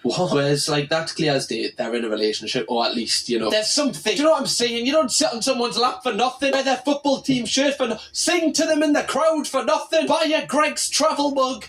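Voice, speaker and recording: A man's voice: extremely high pitch, a little fast, hardly any pauses, fairly bright tone. A man with a Sunderland accent from north-east England, giving casual, humorous commentary in a colloquial, mock-indignant way. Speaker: video commentator.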